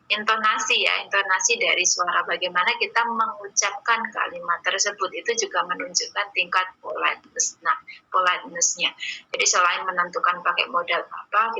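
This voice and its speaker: A woman teaching an online English class, slowly reading out examples and patiently explaining them. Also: medium pitch, creaky, bright, forceful tone, husky, muffled recording. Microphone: video call or computer mic.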